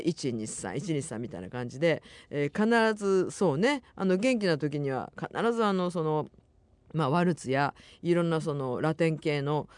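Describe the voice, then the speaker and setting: A middle-aged woman hosts a radio show in a dry, close studio sound. She reads listener mail and rambles on in a friendly way with soft laughs. Her pitch moves up and down freely. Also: no echo. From Nagasaki, Japan. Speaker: radio host. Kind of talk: chatty radio talk reading listener mail.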